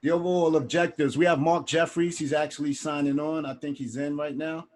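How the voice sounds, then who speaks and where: A man's voice: fairly high pitch, fairly even intonation, fairly quick. Casual man teaching an online class. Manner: casual, keeps adding "right?". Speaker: instructor. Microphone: video call.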